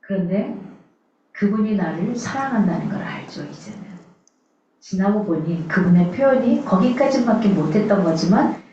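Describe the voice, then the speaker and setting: A woman pastor from the far south of Korea preaches in a mellow, darkish voice, talking straight to her listeners with questions. She sounds far from the mic in a very echoey church sanctuary. The recording is dull and muffled. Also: medium pitch, animated, normal speed, slight background noise. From South Korea, Suncheon in Jeolla. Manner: earnest, conversational preaching with rhetorical questions. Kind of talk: sermon.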